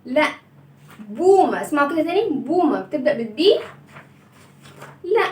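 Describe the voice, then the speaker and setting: An Egyptian woman teaches small children their letters, stretching each sound and prompting them with questions. Her voice sits high and bright. The room rings with echo, and she stands a little back from the mic. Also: big pitch swings, distant mic. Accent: Egyptian Arabic. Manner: patient, drawn-out sounding of letters with call-and-response questions. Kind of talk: children's lesson.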